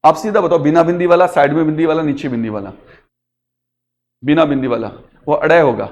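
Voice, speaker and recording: Man, classroom grammar teacher, somewhat high voice, quizzes students constantly as he explains. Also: fairly quick. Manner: explains step by step with frequent quiz questions. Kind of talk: classroom lecture.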